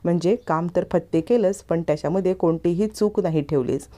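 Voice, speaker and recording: A woman's voice: on the low side, brisk, dark tone, lightly acted. A woman voicing a sly, conniving young man who talks in a coaxing way.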